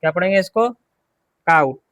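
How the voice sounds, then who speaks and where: A man's voice: sits high, expressive, moderate pace, a bit bright, no room sound. A man teaching an English pronunciation class, drilling words one at a time and quizzing students to repeat them.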